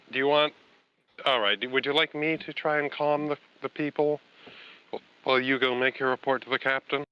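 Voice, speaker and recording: A man's voice: medium pitch, fairly even intonation, normal speed, pauses often, clean tone. A man playing a tabletop game who speaks in an easygoing, sighing way. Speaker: player. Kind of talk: in-character tabletop play. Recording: dull lo-fi sound.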